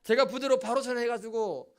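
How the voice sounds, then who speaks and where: With a very high-pitched voice and a fairly quick delivery, a middle-aged male pastor preaches in a church sanctuary. He narrates a story animatedly and turns to address the congregation now and then.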